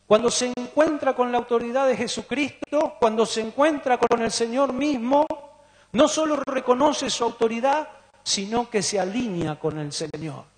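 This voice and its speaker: A man's voice: very high voice, darkish tone. A man with a Rioplatense Spanish accent preaching a sermon, putting questions to the congregation. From Argentina. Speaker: pastor. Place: church hall. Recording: long church reverb.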